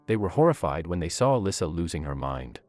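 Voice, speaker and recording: A man's voice: sits low, sing-song, quick pace, a little mellow, dry recording, faint music behind. A man giving scripted storytelling narration, leaning on key lines with dramatic emphasis.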